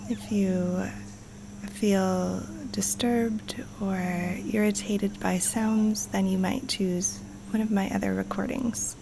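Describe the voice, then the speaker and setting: Recorded live in the open jungle, this clip has a yoga nidra teacher leading a calming meditation. Her voice sits at medium pitch, breathy and soft, sometimes whispering, soothing and full of long pauses, while the background is noisy with faint jungle birds and insects.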